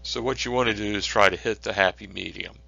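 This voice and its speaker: Male instructor, lower pitch, bright forceful tone, measured delivery with fillers. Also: fairly even intonation, creaky. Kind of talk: recorded lecture. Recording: dull lo-fi recording.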